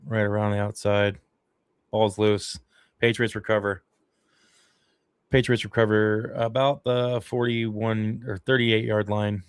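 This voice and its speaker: With a fairly low, clear, resonant voice, a man hosts a fan livestream and gives casual, emotional commentary on a football game, reacting excitably as a fan. He speaks at a measured pace with long pauses, and the recording is dry.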